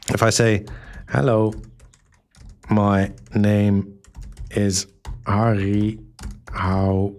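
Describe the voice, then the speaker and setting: A man presenting a software tutorial in a relaxed, hesitant way, with many ums and restarts, reading aloud what he types. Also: fairly low pitch. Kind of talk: screen-recorded software tutorial.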